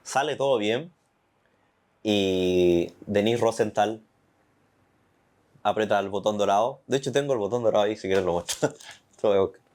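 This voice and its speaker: A man's voice: fairly low pitch, moderate pace, pauses often, a little mellow. Earnest young Chilean man telling his story. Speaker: testimony guest. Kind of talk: personal faith testimony.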